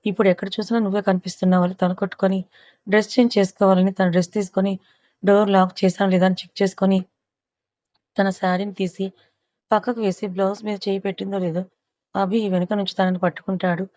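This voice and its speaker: A woman narrating a romance novel aloud in a steady storytelling manner. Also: medium pitch, fast, long pauses, no room sound, muffled recording. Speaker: audiobook narrator.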